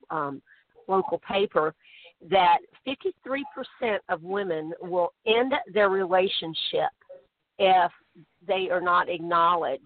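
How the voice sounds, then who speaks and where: A woman's voice: fairly low pitch, dry recording. A woman guest on a talk show, chatting casually and effusively, telling anecdotes. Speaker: guest, author on love and relationships. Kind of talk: casual chat, anecdotal storytelling. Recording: tinny phone line.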